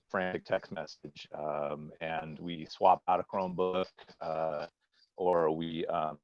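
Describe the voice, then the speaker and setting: A man's voice: deep voice, no room sound. A man, a school principal, answering questions in a video-call meeting in a casual, joking way with many fillers, his audio muffled as if he were inside a fishbowl. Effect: muffled sound, as if inside a fishbowl.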